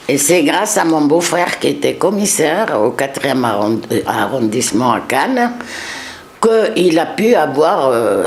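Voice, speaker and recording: A woman speaking in a measured way with pauses in a documentary interview. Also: deep voice, vocal fry, slight background noise. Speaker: resident.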